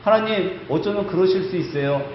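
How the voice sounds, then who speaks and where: A man's voice: high voice, fairly quick, a little hiss or hum, lightly acted. Sulky hurt deacon guy, preacher doing him, whiny pleading, echoey church. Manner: complaining, pleading. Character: hurt, sulking man, a church deacon kept waiting. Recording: echoey church hall, slightly dull sound.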